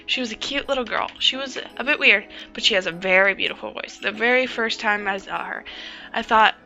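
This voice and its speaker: A woman voicing a gentle mother who talks softly and apologetically to her son. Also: a little high, brisk, faint music behind, rough recording. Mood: tender. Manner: soft and apologetic.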